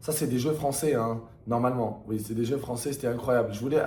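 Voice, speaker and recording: A young adult man, a gamer, rambles casually about his memories in an echoey room, enthusiastic and slangy, repeating himself for emphasis. French isn't his first language; he picked it up through video games. His voice is medium-pitched and quick, with background noise.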